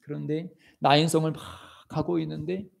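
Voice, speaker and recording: A man's voice: a little high, little pitch movement, normal speed, creaky. A middle-aged male pastor preaching a sermon in a church, acting out quoted voices and raising his voice for commands. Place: church sanctuary.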